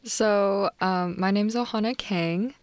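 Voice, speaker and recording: A woman's voice: mid-range voice, slow pace, smooth, no room sound, clean studio sound. A young woman from Canada, a co-host in a casual campus radio chat, chatty and easygoing. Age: young adult.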